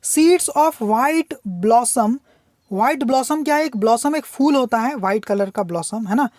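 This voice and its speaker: A woman teacher with a slightly high voice works through a poem. She stretches out each English line slowly, then explains it briskly in Hindi, posing questions and answering them herself. The sound is close and dry, with no room echo. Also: a little mellow. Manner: slow, drawn-out reading of English lines, then quick Hindi explanation.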